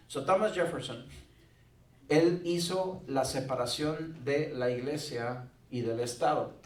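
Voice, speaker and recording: A man's voice: medium pitch, darkish tone. A male pastor preaching a sermon in a conversational way with joking asides. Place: church sanctuary. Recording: roomy church sound from a distant mic.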